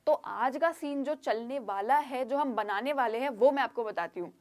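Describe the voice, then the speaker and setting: High-voiced chatty woman teacher. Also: moderate pace, a little mellow. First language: Hindi. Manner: chatty, addresses students as kids. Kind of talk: online English pronunciation lesson.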